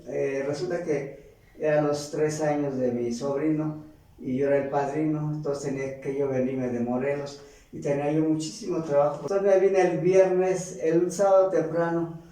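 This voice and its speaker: A man with a Mexican accent giving a halting, earnest personal faith testimony, often repeating words. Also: fairly high pitch, mellow. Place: large church hall. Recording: echoey church from far off.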